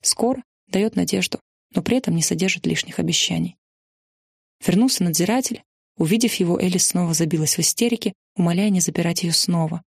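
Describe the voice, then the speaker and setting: Lady reading a prison memoir out loud, gravelly and husky, steady earnest way of telling it. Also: fairly low pitch, fast talker, no echo, studio quality. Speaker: narrator. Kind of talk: first-person memoir reading.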